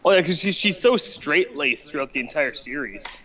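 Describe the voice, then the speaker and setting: A man's voice: a little high, animated, moderate pace, pushed and bright, poor audio. A man in a casual late-night podcast chat, easygoing and laughing mid-sentence. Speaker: podcast co-host.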